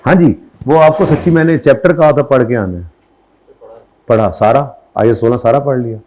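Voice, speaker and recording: Man, middle-aged, classroom lecture, dark mellow tone, mid pitch. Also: moderate pace. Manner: mixes English terms into Urdu speech, scolding, asks checking questions. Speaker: accountancy lecturer.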